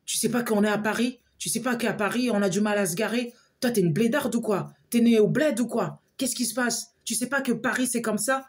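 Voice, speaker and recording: A woman voicing a rude, mocking man who taunts with rapid questions in a told story. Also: fairly high pitch, voice pushed up, lightly acted.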